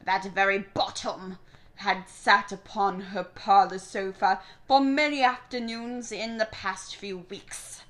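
A woman's voice: medium pitch, fairly even intonation, takes it slowly, a bit bright. A woman reading a romance novel aloud and breaking off with mocking asides about how cheesy it is.

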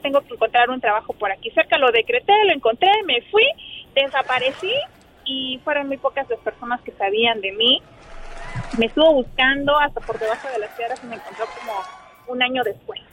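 A Mexican woman with a very high voice tells her story casually. She chats freely as a guest and acts out what was said. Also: brisk, a bit bright, a little hiss or hum, rough recording. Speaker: guest telling a personal story.

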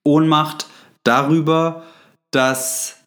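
A man hosting a solo podcast, speaking directly to the listener with advice, often pausing with fillers and restarting his sentences. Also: a little high, steady tone, fairly bright tone. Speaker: podcast host.

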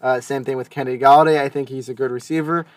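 A young man co-hosts a casual sports chat, his voice close and dry with no room sound. He talks in a halting way, full of fillers and self-corrections. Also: mid-range voice, steady tone, dry recording. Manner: hesitant, many fillers and restarts. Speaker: podcast co-host.

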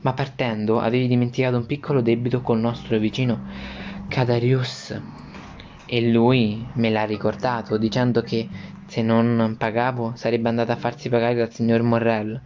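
A man voicing a frail gentle old father. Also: mid-range voice, little pitch movement, moderate pace, dull audio, background noise, natural voice. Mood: apologetic. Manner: soft, reassuring.

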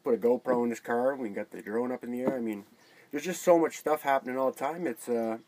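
A man speaking as an interview guest in a casual chat, halting and repeating words as he goes. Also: medium pitch, darkish tone, poor audio.

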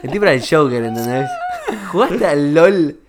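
A man with a Rioplatense Spanish accent hosting a casual podcast, chatty and joking, with quick interjections. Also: fairly high pitch, expressive, background noise.

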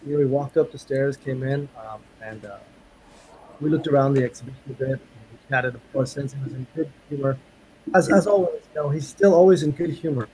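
A man with a medium-pitched, slightly mellow voice talks briskly as a guest in a casual, chatty interview, often repeating words for emphasis. He's a martial arts instructor calling in remotely from Japan, and the rough recording has clear ambient background noise.

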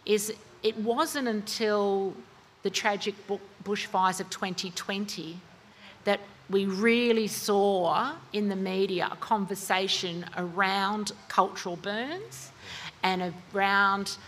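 With a slight hiss or hum in the background, an Australian novelist talks slowly about her book during a book-talk interview. Her medium-pitched, somewhat bright voice comes through chatty, with many fillers and corrections.

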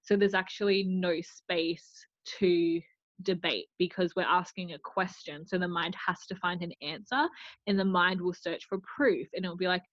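A woman with a low-pitched voice speaks as a podcast guest in casual chat, explaining her ideas thoughtfully and often saying "like." The audio is dry and close, with a dull lo-fi tone. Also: steady tone, moderate pace, dry recording. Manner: explanatory, thoughtful, frequent "like" fillers.

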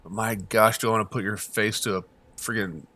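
A man co-hosting a podcast, chatting casually and telling stories with emphatic, animated rants. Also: on the low side, brisk. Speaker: podcast co-host. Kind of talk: casual chat.

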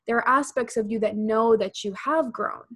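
A woman's voice: a little high, moderate pace, a bit bright, husky. A woman in her twenties hosting a podcast, chatting casually and filling her talk with "like". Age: 20s. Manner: chatty, many fillers like "like". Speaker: podcast host.

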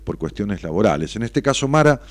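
A man with a Rioplatense Spanish accent hosts a late-night radio talk show. His voice sits low but swings widely in pitch. He poses rhetorical questions and fills pauses with "este" and "eh". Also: no room sound. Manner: animated, rhetorical questions, frequent fillers. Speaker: radio host and psychologist.

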